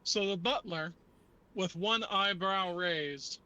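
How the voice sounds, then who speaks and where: A man narrating a tabletop role-playing game as game master, with halting, measured description. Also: sits high, bright, forceful tone, low-quality recording.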